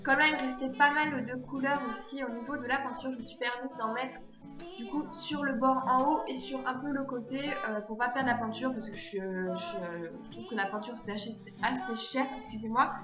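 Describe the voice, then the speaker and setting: A woman's voice: high voice, steady tone, normal speed. A woman narrating her DIY craft tutorial in a voice-over, hesitant and full of fillers and self-corrections. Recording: echoey room with background music. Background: guitar music.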